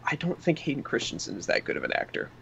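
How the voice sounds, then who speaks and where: A man's voice: fairly high pitch, huge pitch swings, fast talker, gravelly, a bit bright, husky. A man in casual chat about a film, rambling with frequent restarts and quoted asides. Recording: dull lo-fi recording.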